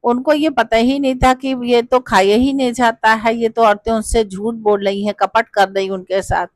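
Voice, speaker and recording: A woman's voice: on the high side, steady tone, normal speed, dry recording. A woman narrating a devotional folk tale in a homely, chatty way, now and then addressing the listener directly. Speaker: storyteller.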